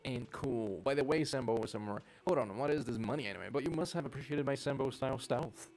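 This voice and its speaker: A man's voice: mid-range voice, quick pace, darkish tone. Playful male game streamer. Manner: playful, laughs often, reads lines aloud. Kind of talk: live game stream, reading narration and dialogue.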